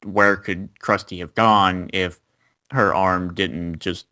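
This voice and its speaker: Low-voiced man recapping an anime. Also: steady tone, takes it slowly, bright, forceful tone, clean tone. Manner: plot recap with fillers and restarts. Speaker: anime review co-host. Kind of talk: casual review chat.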